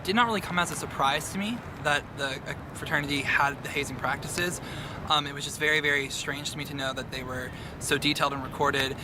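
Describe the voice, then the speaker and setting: A young man in his twenties answers quickly and analytically. His voice is a touch high. Clear outdoor traffic noise sits behind him. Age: 20s. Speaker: student interviewee.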